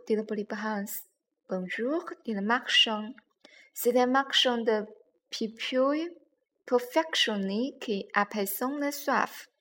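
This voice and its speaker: A woman reading a children's story aloud, slowly and carefully, with gentle pauses. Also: fairly high pitch. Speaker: reader. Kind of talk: slow read-aloud storytelling.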